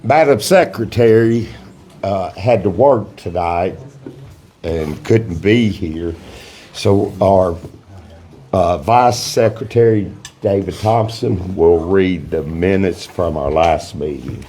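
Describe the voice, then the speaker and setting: A man's voice: deep voice, slow pace, mellow, a little hiss or hum. A man chairing a local meeting, speaking informally to the room and leading prayer.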